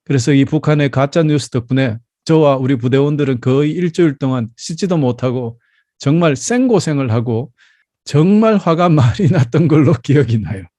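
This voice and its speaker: A South Korean pastor in his fifties preaches a Sunday sermon, sharing personal stories in a measured, explanatory way. His voice is a little high and expressive, with a dark tone. There's no echo.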